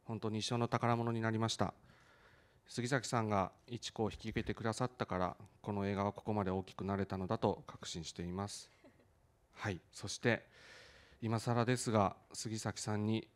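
A film director on a theater stage, reading a heartfelt letter aloud in an earnest, measured and slightly halting way. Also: male voice, fairly low pitch, steady tone.

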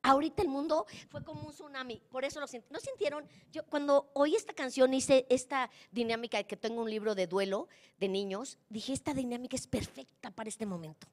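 A woman's voice: sits high, a little fast, a little mellow. A middle-aged woman with a Mexican accent gives a motivational conference talk. She speaks colloquially and teases the audience, addressing them directly.

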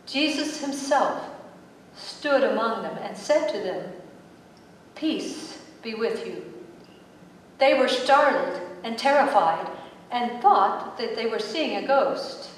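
A woman giving the scripture reading in a slow, measured way in a large church sanctuary. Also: fairly high pitch, expressive, slight background noise. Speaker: scripture reader. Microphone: distant room mic. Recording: echoey sanctuary from far off.

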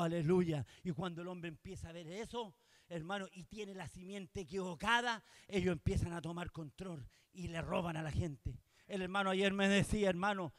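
High-voiced pastor, shouting and hushing. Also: male voice, no echo, studio quality. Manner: swings from shouted proclamations to hushed asides; repeats phrases for emphasis. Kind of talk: Pentecostal-style sermon.

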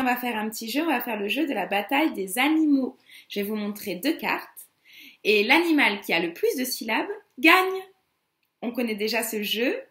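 A woman teacher with a high, lively voice talks slowly to small children, tapping out each word syllable by syllable in a sing-song way. The room around her is echoey. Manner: slow, syllable-by-syllable counting with sing-song emphasis. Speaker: kindergarten teacher.

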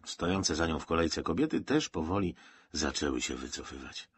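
A man narrating an audiobook in an expressive, dramatic reading. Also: a bass voice, normal speed, gravelly, slight background noise.

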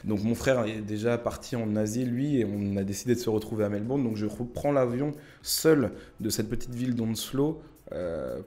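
A young man with a lowish, dark-toned voice tells travel anecdotes to the camera. He's chatty, uses many fillers, and speaks directly to his viewers.

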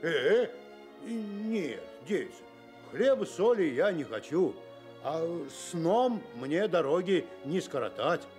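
A hesitant young tsar's son in a Russian fairy tale radio play. The voice is fairly high and very animated, theatrical and hemming, with music behind. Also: male voice, slow. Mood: hesitant, protesting. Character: hesitant, boastful eldest prince of fairy tale.

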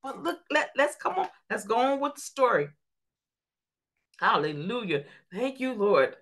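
Very animated yet keeping a measured pace, a woman with a high-side, somewhat bright voice delivers a church sermon. She reads scripture, explains it in informal, folksy talk, and calls out to the congregation.

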